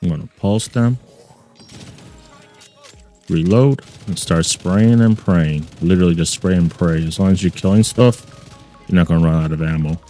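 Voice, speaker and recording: A man's voice: sits low, moderate pace, long pauses, mellow, soft background music. A man hosting a gaming channel, giving playful gameplay commentary and repeating his catchphrases, recorded at a desk mic in a home gaming setup.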